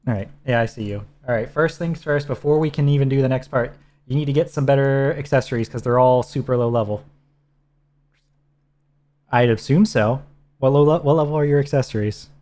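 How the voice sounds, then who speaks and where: A man co-hosts a game stream in relaxed, instructive chat. His voice sits dark and mellow, patiently talking a teammate through menus. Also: medium pitch, brisk. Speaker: streamer co-host. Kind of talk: casual gameplay chat.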